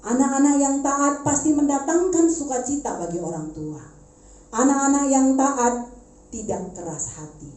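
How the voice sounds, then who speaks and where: A woman preaching a sermon in a conversational, animated way, turning to the congregation with asides. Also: high voice, normal speed. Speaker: preacher, schoolteacher. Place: church service. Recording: echoey church hall.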